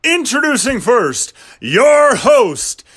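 A man giving a drawn-out, booming boxing ring announcer introduction for a podcast host. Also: big pitch swings, slightly rough. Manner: drawn-out booming delivery with shouted calls.

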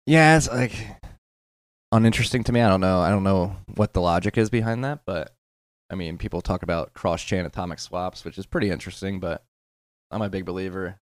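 A man's voice: low voice, lively intonation, a little fast, no room sound, clean studio sound. A man talking as a guest on a casual podcast, hesitant and self-deprecating, with plenty of fillers and restarts.

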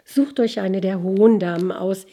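A woman voicing a poor, modest young girl in a storybook, in a slightly raised, bright voice. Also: medium pitch, normal speed, lightly acted. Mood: gently refusing. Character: young ragged girl, cheerful yet modest.

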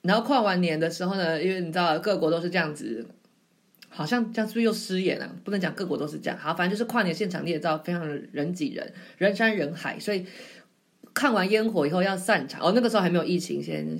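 A woman's voice: on the low side, fast talker, creaky. A woman, chatting on her own podcast in a rambling, self-mocking way. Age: 20s. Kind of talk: casual solo storytelling.

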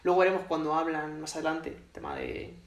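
A man's voice: fairly high pitch, wildly swooping pitch, a little fast. A man with a Spain Spanish accent, casually chatting about a film as co-host and peppering his talk with swearing and tag questions. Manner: chatty, swears freely, lots of "¿no?". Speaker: podcast co-host. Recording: echoey room.

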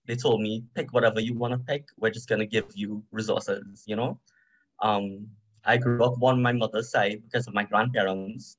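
A man's voice: lowish voice, poor audio. A young man from Trinidad and Tobago, a podcast guest, telling his story in a reflective, conversational way with frequent "um" and "you know".

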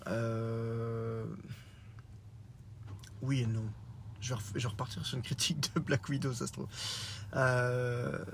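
Driving while recording on his smartwatch microphone, a man with a Lorraine French accent hosts a laid-back solo podcast, wandering off topic with many fillers and corrections and teasing himself self-deprecatingly. He speaks slowly in a gravelly, medium-pitched voice with little pitch variation and frequent pauses, against slight background noise.

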